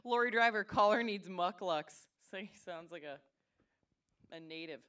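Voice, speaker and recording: A co-host of a casual call-in show, dropping wry, deadpan quips. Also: mid-range voice, normal speed, clear, resonant tone.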